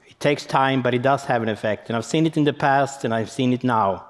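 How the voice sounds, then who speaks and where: A man's voice: medium pitch, brisk. A man from Sweden, giving a conference presentation and explaining things as he thinks aloud. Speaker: conference speaker. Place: conference venue hall. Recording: long hall reverb.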